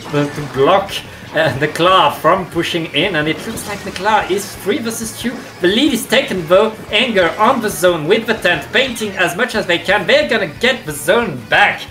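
An esports co-caster giving enthusiastic color commentary with slightly halting phrasing. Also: mid-range voice.

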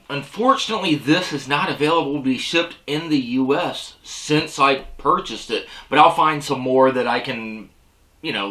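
Easygoing middle-aged man with a bright voice. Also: mid-range voice. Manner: rambling, filler-heavy, easygoing. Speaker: fishing channel host. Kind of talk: casual product review. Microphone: seated at desk facing camera.

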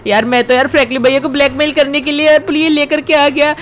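A woman's voice: high voice, quick pace, close to an everyday voice. A woman doing a cheeky panicky little boy. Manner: whiny, excitable exclamations, talks to viewers. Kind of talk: gameplay commentary in character.

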